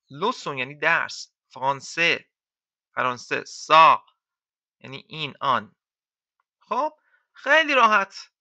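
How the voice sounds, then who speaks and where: A man teaching French to beginners in a casual, chatty way, repeating words slowly for learners. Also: high-pitched, bright, forceful tone, no room sound. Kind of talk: casual lesson explaining to beginners. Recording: dull lo-fi dry sound.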